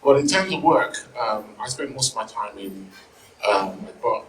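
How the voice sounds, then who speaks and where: Deep firm voiced guy chatting on a panel, jokey, echoey room, bit far from the mic. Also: expressive, moderate pace, a bit bright, a little hiss or hum. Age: middle-aged. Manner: informal, joking, mild swearing. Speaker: panel speaker, insight director. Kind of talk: informal panel talk. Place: live panel event room, microphone.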